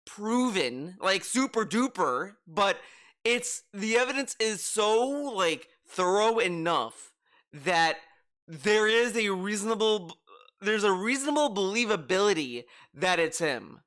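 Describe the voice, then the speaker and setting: A man's voice: sits high, expressive, a little slow, fairly bright tone. A man giving casual commentary as an exasperated, mocking, profane rant. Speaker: online commentator.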